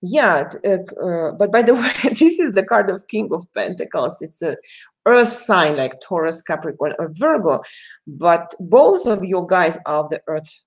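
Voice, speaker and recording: This woman, a native Russian speaker with a Russian accent, does tarot readings on a live stream in a relaxed, chatty way. She often laughs and names her viewers directly. Her fairly low voice has lively intonation and a measured pace.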